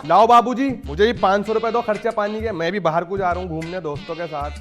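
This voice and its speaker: A cheeky nephew who mocks his elders, played by a man, with a fairly high voice. He delivers comic jabs in a sketch. Music plays clearly behind him. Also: steady tone, fast talker, a bit bright, highs cut off. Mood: mocking. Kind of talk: comedy sketch acting.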